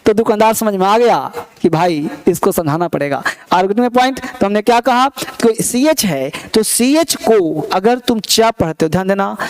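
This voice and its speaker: In a classroom grammar lesson given in Hindi, a man with a high-pitched, clear, resonant voice teaches students English spelling and pronunciation. He repeats words and quizzes the class.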